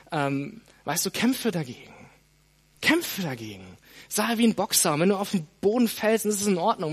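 A man preaching a sermon, speaking straight to his listeners with frequent "hey" and "ne?", with a lively, varied delivery. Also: on the high side.

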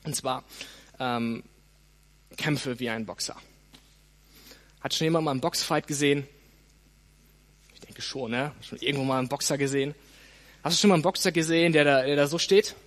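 This man delivers a sermon directly to his listeners, often dropping in "hey" and "ne?" with lively, varied expression. His pitch is medium, his pace moderate, and he pauses frequently.

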